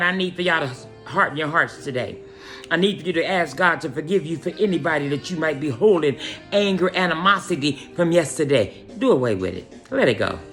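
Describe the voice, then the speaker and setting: A woman delivers an inspirational morning message, swinging her pitch high and low as she exhorts her listeners. Her voice is bright and forceful, with a preachy, call-and-response feel. Faint music sits underneath. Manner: animated exhortation, addressing listeners as y'all and honey. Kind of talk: preachy motivational talk.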